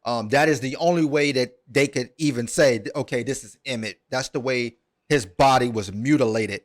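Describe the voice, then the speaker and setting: A podcast host, a man with a medium-pitched voice and moderate pace, retells a story at length. He sounds casual and earnest, with many ums and repeated words.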